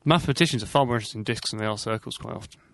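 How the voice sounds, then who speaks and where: A man co-hosting a comedy podcast, joking quickly with nerdy asides. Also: lowish voice, vocal fry. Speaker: co-host.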